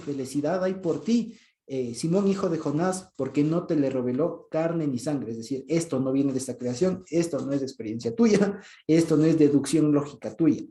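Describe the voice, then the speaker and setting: Man preaching, Ecuadorian Spanish accent, dark mellow voice, slightly high pitch, conversational teaching, echoey room. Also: normal speed. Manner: conversational, checks understanding often with short questions and soft chuckles. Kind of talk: informal Bible teaching.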